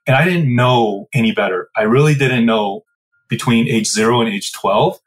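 A Midwestern American man in his forties, a business co-founder appearing as a guest, answers interview questions casually in a mid-range voice at a moderate pace. He tells his story in a reflective, meandering way full of fillers.

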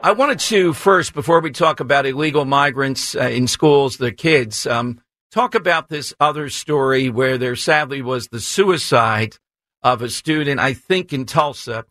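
A man's voice: medium pitch, a little slow, fairly bright tone. An American man hosting a talk radio interview, framing his questions in a polite, discursive, conversational way. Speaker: radio talk show host. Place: radio studio.

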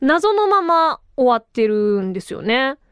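A woman hosting a casual solo podcast, her high voice swinging up and down as she chats. She talks in an animated way and her voice is a bit tired from a long day of talking. The sound is close and dry, with no room around it. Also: measured pace, clean tone, no echo. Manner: chatty and animated, with frequent laughs. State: tired voice from talking too much. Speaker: radio and podcast host.

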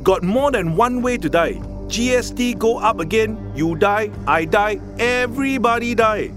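A man's voice: sits high, measured pace, music in the background. A man playing a cheeky, blunt guest who explains Singlish in a Singaporean accent for a comedy show. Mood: blunt, exasperated. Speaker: special guest translating into Singlish. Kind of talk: comedic scripted language demonstration in Singlish.

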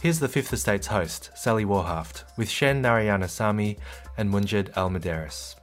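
Guy announcer, lowish voice, faint music under it. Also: moderate pace. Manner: smooth formal announcing. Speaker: podcast announcer. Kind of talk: scripted intro.

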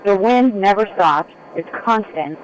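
A tired woman chatting excitedly over a crackly long-distance phone line, swearing casually as a radio show regular calling in. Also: medium pitch, a little slow. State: tired from no sleep.

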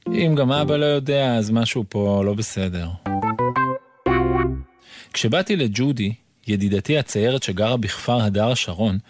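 A man reading a children's book aloud in an expressive, playful way, with music playing behind him. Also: mid-range voice, long pauses. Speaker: narrator.

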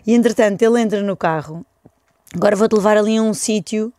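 A woman's voice: medium pitch, a little fast, dry recording. A woman in her thirties with a European Portuguese accent, a guest telling a story in casual chat and acting out the quotes. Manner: animated storytelling, acts out quotes.

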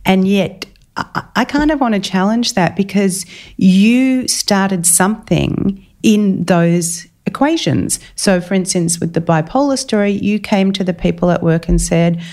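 A woman co-hosting an interview, responding in a measured, reflective way and gently pushing back on ideas. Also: medium pitch. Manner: measured, thoughtful, gently challenging. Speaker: co-host.

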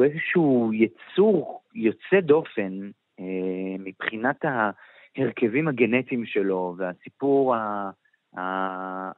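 A middle-aged man with a lowish voice answers slowly and thoughtfully, filling his pauses with hesitant sounds. The sound is thin and phone-like, with a dry, close feel. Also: dry recording. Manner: hesitant, many pauses and fillers. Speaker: interview guest, author. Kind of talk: reflective interview answers.

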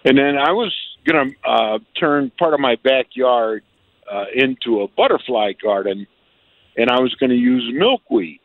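Man in his seventies, phone caller, lively sing-song voice, tinny phone line, chatty, halting. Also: medium pitch, dry recording. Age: 70s. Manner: chatty, halting, warm-spirited. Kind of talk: call-in question on the radio. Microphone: telephone.

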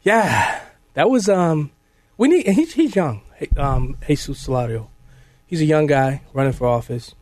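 A man's voice: a little high, sing-song, moderate pace, a little mellow. An American man hosting a conversational live talk radio show from a studio.

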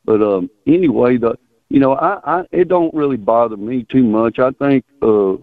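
Male radio caller, folksy and halting, mid-pitched, tinny narrowband phone sound. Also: no echo. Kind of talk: casual rambling chat.

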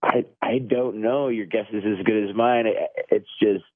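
A man calling in to a radio show, chatting casually in a halting, defensive way. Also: fairly low pitch, fairly even intonation, no echo. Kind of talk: casual conversation on air. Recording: dull band-limited phone line.

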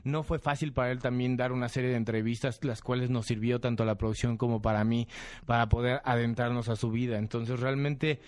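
Mexican actor guest, mid-pitched, earnest, storytelling with fillers. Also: male voice, fairly even intonation, a little fast. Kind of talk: interview talk.

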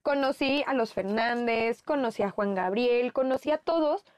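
A young Mexican woman, a singer and interview guest, telling quick bubbly anecdotes in a casual chat, acting out the voices of others. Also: a little high, a little mellow, dry recording.

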